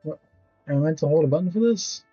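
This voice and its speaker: A man's voice: fairly high pitch, fast talker, mellow, slightly rough, highs cut off, soft background music. A man in his twenties streaming a video game, talking casually with blunt, rambling commentary and casual swearing. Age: 20s.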